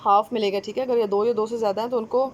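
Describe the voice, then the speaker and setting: A woman with a Pakistani Urdu accent giving a conversational exam-prep lecture, often pausing with fillers and checking-in tags. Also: a little high, steady tone, a little mellow, a little hiss or hum. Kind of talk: explanatory lecture.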